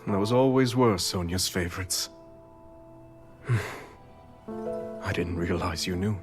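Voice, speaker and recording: A man's voice: low-pitched, slow pace, over music. A man playing a solemn, regal warrior king in a video game cutscene. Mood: sorrowful, grave.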